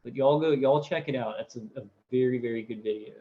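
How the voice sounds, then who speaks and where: Guy in his 30s doing a live stream, rambly, keeps repeating himself, mid pitch, kinda dull muffled audio. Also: quick pace. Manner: rambling, repeats words, many fillers. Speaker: live stream host reading viewer comments. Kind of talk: casual live-stream chat.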